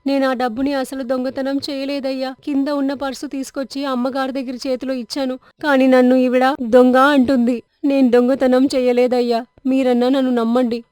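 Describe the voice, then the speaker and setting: Woman doing a high, pleading young maid girl. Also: level tone, moderate pace, darkish tone, smooth, no room sound, studio quality, close to an everyday voice.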